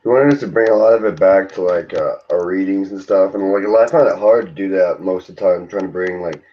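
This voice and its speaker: A man's voice: low-pitched, fairly quick. A young man student in a casual group discussion, talking loosely and hesitantly with many fillers, on dull lo-fi audio.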